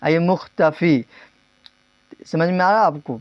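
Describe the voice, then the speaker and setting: A man's voice: on the high side, clear, resonant tone, no room sound, lo-fi sound. Man drilling a grammar lesson. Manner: drills terms, asks and repeats answers; stretches words slowly, then speeds up. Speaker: teacher.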